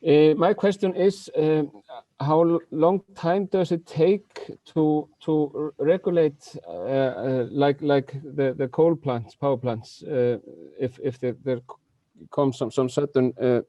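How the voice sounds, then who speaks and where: Halting man on a call. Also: a little high, dark tone, no room sound. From Iceland. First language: Icelandic. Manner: halting, many restarts. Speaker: audience member asking a question. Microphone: video call. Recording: dry, dull lo-fi call audio.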